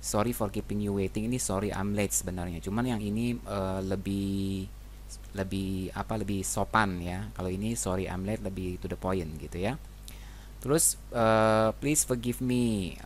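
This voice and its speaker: A man teaching English phrases in a relaxed, conversational way, often ending sentences with a tag question. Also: deep voice, measured pace, a little hiss or hum. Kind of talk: casual explanatory lesson.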